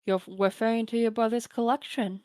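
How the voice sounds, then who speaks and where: A woman voicing a dry, sardonic teenage girl in a deadpan, wry manner. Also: a little high, fairly quick, no room sound, natural voice.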